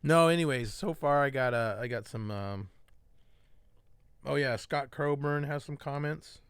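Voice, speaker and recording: Man, podcast co-host, crude rambling stories, gravelly fry, dry close sound. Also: medium pitch, a little slow, fairly bright tone, dry recording. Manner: rambling, crude, swearing storyteller. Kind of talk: casual comedy podcast chat.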